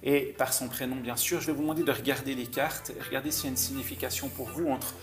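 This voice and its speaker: A man, a mentalist host leading a guest through a calm guided visualization with soft, hesitant instructions. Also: medium pitch, faint music behind. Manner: soft, slow, suggestive instructions with hesitant restarts.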